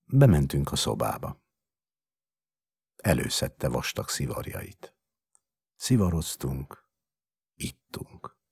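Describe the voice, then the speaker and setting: A man narrating a story in an expressive, measured dramatic reading. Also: very deep voice, vocal fry, husky.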